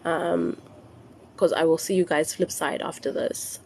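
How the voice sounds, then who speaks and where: A South African woman hosting a phone live stream, explaining rituals slowly and repeating her instructions, slipping into Zulu phrases. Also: sits low, steady tone, vocal fry, darkish tone, a little hiss or hum. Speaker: spiritual live-stream host.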